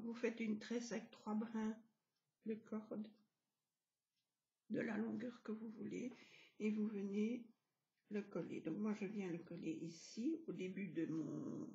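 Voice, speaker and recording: A woman narrating a craft tutorial, explaining each step gently with soft asides. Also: on the high side, roomy sound. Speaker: craft video host. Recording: dull lo-fi home recording.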